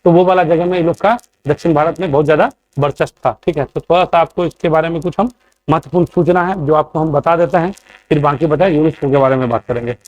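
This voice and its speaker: Male coaching teacher, slightly high voice, lectures with a steady question-and-answer rhythm. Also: fast talker. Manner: asks quiz questions and answers them, keeps checking in. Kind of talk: classroom lecture.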